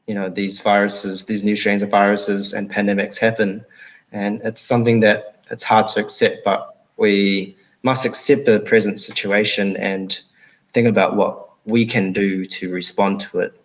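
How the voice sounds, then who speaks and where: Low-voiced New man, thoughtful. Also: level tone, a little slow, low-quality recording. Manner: thoughtful, rambling, many fillers. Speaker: guest speaker. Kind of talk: online talk.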